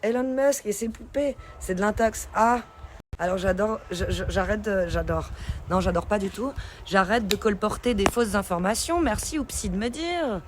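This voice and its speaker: A woman's voice: medium pitch, normal speed. A woman hosts a casual live stream, chatting and laughing with her viewers. Her talk is loose and friendly, and she reacts to the chat as she goes. A faint noise sits behind her voice. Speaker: livestream host.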